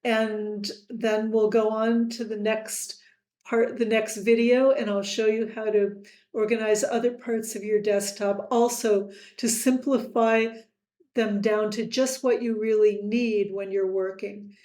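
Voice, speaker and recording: A woman tutoring software in a screen-recorded lesson, friendly, with quiz-style asides to the viewer. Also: medium pitch, flat delivery, a little slow, echoey room.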